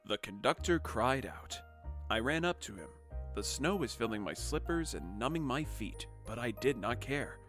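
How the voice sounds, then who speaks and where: A man reading a storybook as comedic parody, mostly hushed and calm, then breaking into crude, sarcastic asides. His pitch moves with a lively, sweeping range, and music plays clearly behind him. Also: moderate pace. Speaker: narrator. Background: background music.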